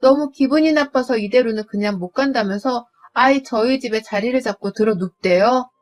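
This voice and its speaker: A woman with a fairly high voice tells her own story in the first person, sounding exasperated and indignant. Quiet music plays softly behind her narration. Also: moderate pace.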